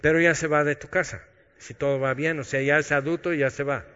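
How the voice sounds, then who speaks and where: A man preaching a sermon, swinging between loud emphasis and quiet intimate asides. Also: a little high, steady tone, brisk, clear, resonant tone. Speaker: pastor. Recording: dull lo-fi audio with long hall reverb.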